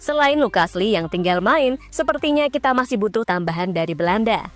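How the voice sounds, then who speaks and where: A woman's voice: medium pitch, expressive, brisk. A woman narrating football news in a scripted read, dropping in casual slang asides. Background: faint background music.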